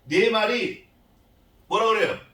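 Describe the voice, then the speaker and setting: A man preaching an expository sermon as pastor, animated, questioning his congregation and acting out scripture voices. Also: high-pitched, slow pace, reverberant, far from the mic, poor audio. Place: church sanctuary.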